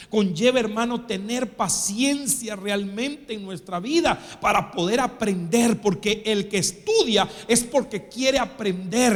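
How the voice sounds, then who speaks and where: A man's voice: high voice, a bit bright. A Nicaraguan man preaching a sermon in a church, emphatic and constantly addressing the congregation as brother. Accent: Nicaraguan Spanish. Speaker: pastor. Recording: long hall reverb.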